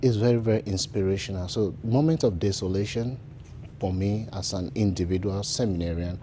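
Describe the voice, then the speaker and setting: A man from Cameroon, a seminarian, telling his vocation story in an earnest, reflective way with frequent pauses and fillers. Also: fairly low pitch, dark tone, slight background noise. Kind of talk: personal vocation testimony.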